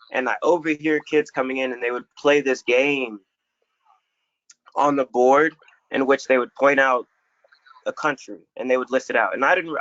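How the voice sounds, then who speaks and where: A man's voice: mid-range voice, sharp tone, no echo. A young man from Florida telling a personal story on a community panel in a reflective, casual way with some slang. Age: young adult. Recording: dull lo-fi dry recording.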